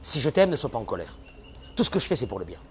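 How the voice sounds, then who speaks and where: A man giving a sermon as a rabbi, animated, often acting out the voices of people who complain. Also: medium pitch, very fast, a little hiss or hum.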